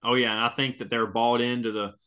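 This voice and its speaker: With a mid-range, smooth, bright voice and a forceful tone, this man co-hosts a college football podcast. His delivery is brisk and flat, but he talks emphatically, repeats himself, and keeps dropping "man" into casual sports chat.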